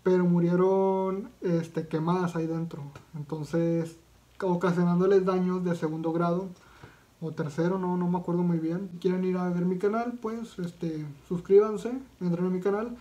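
A man's voice: high voice, flat delivery, moderate pace, mellow, highs cut off. Slangy Mexican man reacting casually. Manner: slangy and profane, with frequent fillers and restarts. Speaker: YouTube reaction vlogger.

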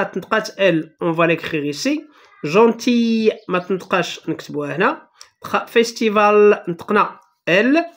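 A teacher with a Moroccan Arabic accent who explains a primary-school French lesson patiently and step by step, reading French words slowly and then explaining them at a quick clip. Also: mid-range voice, a bit bright.

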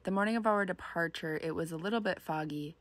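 Low calm woman narrating a trip vlog. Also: fast talker, no room sound. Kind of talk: scripted voice-over narration.

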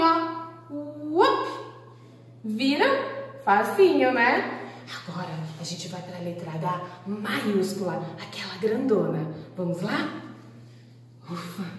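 A woman's voice: fairly high pitch, distant mic, slight background noise. Sing-song woman teaching children. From Brazil. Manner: sing-song, encouraging, slow and drawn out for children. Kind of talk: children's handwriting lesson. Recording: echoey room, voice from off-mic.

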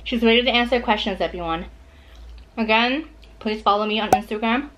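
Woman vlogger, casual and upbeat, slightly high voice, some faint background noise. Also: fairly quick. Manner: upbeat, chatty, playful with a child. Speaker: vlogger hosting a mukbang. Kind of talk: casual chat to camera.

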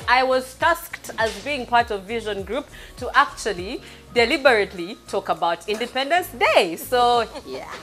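Playful, bright-voiced young female host. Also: mid-range voice. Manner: playful, laughs often, teasing. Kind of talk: casual talk show chat. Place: salon set, indoors. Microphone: lapel mic.

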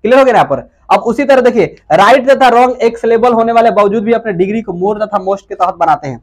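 This high-voiced male speaker lectures on English grammar as if in a classroom. He asks questions, supplies his own answers, and says important words again slowly.

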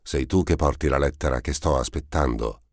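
A man voicing a grave older man who speaks in a calm, terse way in an audiobook. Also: very deep voice, normal speed, no room sound, studio quality. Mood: guarded. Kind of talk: audiobook character voice.

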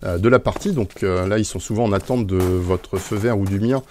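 A man's voice: fairly low pitch, brisk, darkish tone, a little hiss or hum. A man casually commenting while playing a video game, rambling with many fillers and small chuckles. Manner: rambling, frequent "euh" fillers, chuckling asides. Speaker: Minecraft streamer.

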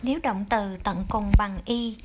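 A woman's voice: medium pitch, fairly even intonation, noisy background. A woman with a Vietnamese accent teaching an English grammar lesson to children, patiently spelling out example words. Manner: calls herself teacher, addresses pupils as children, drawn-out example words.

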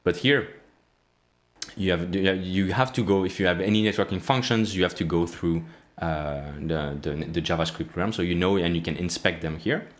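In a small room with a plain wall, a man in his thirties talks through code on a shared screen, his low voice captured close to the mic. The delivery is relaxed but halting, peppered with fillers and false starts.

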